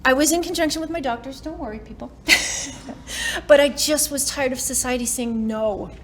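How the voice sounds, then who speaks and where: This keynote speaker's voice is high and fairly bright, moving at a moderate pace with a bit of hiss or hum in the background. She is a Canadian woman in her forties giving a motivational talk to a live summit audience, chatty and self-mocking, often breaking into laughter between lines.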